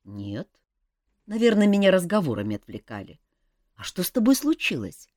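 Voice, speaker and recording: A woman voicing a calm, knowing grown male leader who talks in a quietly ironic way. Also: fairly low pitch, normal speed, dry recording, clean studio sound, voice pushed up.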